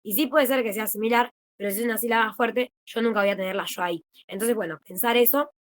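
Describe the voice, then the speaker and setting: A woman's voice: on the high side, quick pace. A young woman with an Argentine accent, a peer tutor explaining things in a chatty, easygoing way over a video call. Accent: Argentine Spanish. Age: young adult. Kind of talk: informal online study session.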